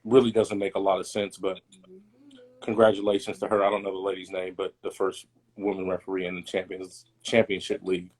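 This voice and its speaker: A man's voice: sits low, level tone, brisk, slightly rough. A man co-hosting a podcast livestream, talking in a laid-back, rambling way with lots of ums. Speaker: podcast co-host. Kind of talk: casual livestream chat.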